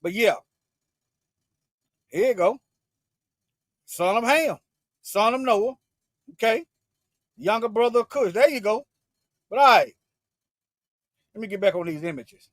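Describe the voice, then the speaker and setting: A man preaching fervently in a livestream, repeating himself and restarting phrases, swinging between loud emphatic bursts and low asides. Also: expressive, a little slow, long pauses, dry recording, studio quality. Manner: fervent, repetitive, with frequent restarts. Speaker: online Bible teacher.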